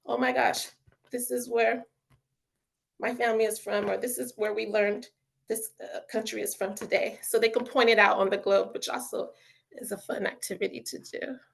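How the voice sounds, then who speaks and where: On a video call, a woman who's an author and educator gives a casual webinar presentation, chatty and enthusiastic about children's learning, leaning heavily on fillers like "you know" and "um." Her voice is a little high with a raspy fry.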